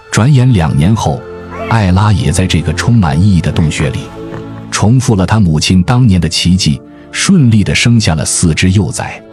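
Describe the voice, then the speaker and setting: A man reading a scripted nature documentary narration in a measured, storytelling way, as the narrator. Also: low voice. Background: music.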